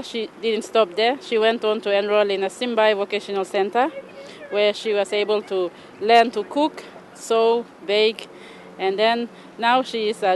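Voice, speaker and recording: A middle-aged woman from Papua New Guinea with a Papua New Guinean accent, a church program coordinator giving measured, earnest interview answers outdoors. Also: medium pitch, slight background noise. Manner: measured, earnest, with pauses and restarts. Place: outdoors by a stone wall in a city.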